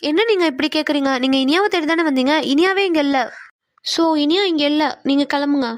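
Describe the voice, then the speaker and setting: A woman voicing a chatty, easily flustered young female office worker in a cartoon, quick to protest. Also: sits high, close to an everyday voice. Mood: matter-of-fact. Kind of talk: cartoon voice acting.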